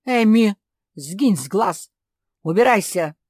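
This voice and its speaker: A woman puts on a puffed-up male dog father for a storybook. He shouts his commands harshly and drags his words out slowly. The voice is close and dry. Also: lowish voice, no room sound. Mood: angry.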